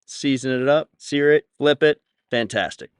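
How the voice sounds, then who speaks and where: A man with an ordinary mid-range voice leads an energetic cooking demonstration. He talks to viewers in a lively, upbeat way. The sound is dry and close, with no room echo. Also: medium pitch, moderate pace, smooth. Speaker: chef.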